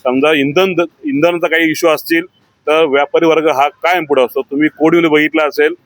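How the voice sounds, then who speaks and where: A man speaking for the traders talks briskly and in a declaiming, speech-like way. His voice is slightly raised in pitch and dry, close to the mic. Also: steady tone, no room sound. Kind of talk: street interview.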